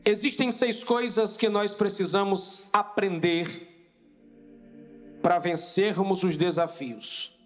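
A man preaching a sermon as pastor, in a repetitive preaching cadence that rises to shouts. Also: high-pitched, steady tone, slow pace. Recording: faint music behind the voice.

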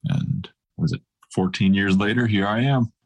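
A professional basketball player who grew up across Asia, mostly in Taiwan, gives casual interview answers as a guest. His voice is deep and gravelly, his pace moderate, and his manner relaxed, easygoing, and thoughtful.

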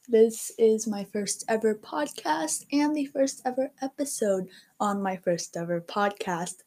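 Slow, mellow-voiced teenage girl podcasting. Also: mid-range voice. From Korea. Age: teens. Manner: chatty, lots of fillers like "um" and "like". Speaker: podcast host. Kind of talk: casual solo podcast monologue.

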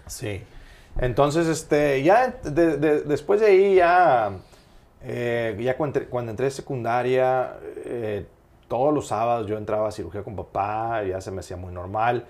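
Man, middle-aged surgeon guest, easygoing rambling anecdotes, mid-pitched voice. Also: moderate pace, darkish tone. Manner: rambling storyteller with frequent fillers. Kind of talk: casual podcast interview.

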